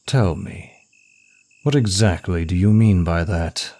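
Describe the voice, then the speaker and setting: For an ASMR roleplay, a man voices a suave demon of lust in a very low, darkish voice. Amused and smug, he teases and stretches out his words at a slow, deliberate pace, making every line seductive.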